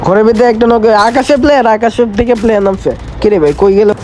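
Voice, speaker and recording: A man making excitable, repetitive callouts in casual squad chat during a shooter game. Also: high voice, racing. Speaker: player in a squad shooter match. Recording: noisy game audio with gunfire. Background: gunfire and vehicle sounds from game.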